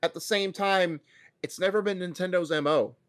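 Casual co-host, man in his thirties, slightly high voice, opinionated and animated, lots of restarts and fillers, video-call sound. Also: moderate pace. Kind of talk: casual gaming news chat. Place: home room.

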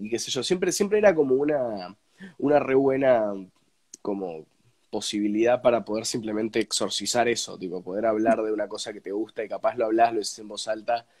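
A young Argentine man talks in a fairly low voice, stuffed up and snotty with a cold. He answers casually in an interview over a video call, often repeating words while he looks for the next phrase. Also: expressive, moderate pace, a little mellow. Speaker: interview guest, radio presenter. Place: indoors at home, on a video call.

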